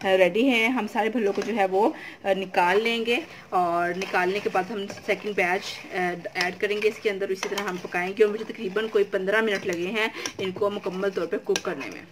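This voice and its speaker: A woman talks through a home cooking tutorial one step at a time, her voice in a medium register. She pauses often on little fillers as she explains. The recording is noisy, with a clear hiss of home ambience behind her. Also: mid-range voice, fairly even intonation. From Pakistan. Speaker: cooking channel host. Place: home kitchen.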